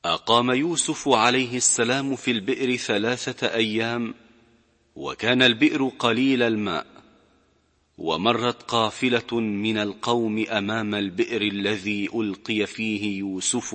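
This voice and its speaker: A man narrating a religious story in a measured, steady storytelling delivery. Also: lowish voice, in a large hall.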